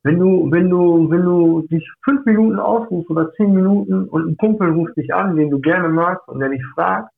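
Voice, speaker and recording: A man's voice: high voice, moderate pace, creaky, few pauses. A man in casual podcast chat who tells stories and acts out the lines of the people in them. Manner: storytelling, acts out quoted dialogue. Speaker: podcast guest. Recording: tinny phone-like sound.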